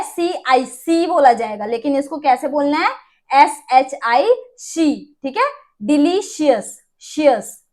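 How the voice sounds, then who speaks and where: A woman teaching an online English lesson, reading English lines slowly and explaining them in Hindi. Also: high voice.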